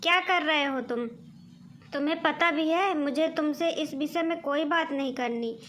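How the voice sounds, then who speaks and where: A hurt young married woman speaks firmly and scolds in a high, clear voice, as a woman reads her part. She is a figure from a spoken family storybook. A faint hiss sits under the recording. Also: moderate pace, fairly bright tone. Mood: stern. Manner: firm, scolding. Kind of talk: storybook dialogue.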